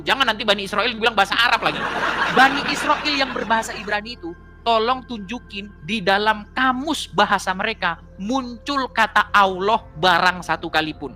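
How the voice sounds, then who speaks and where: A woman arguing in a heated debate, mocking her opponent and laughing as she presses her points. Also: mid-range voice.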